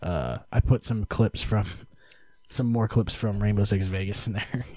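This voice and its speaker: Low, mellow-voiced man chatting casually. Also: measured pace, no room sound. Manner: laughs often, swears casually. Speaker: podcast co-host. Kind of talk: casual chat.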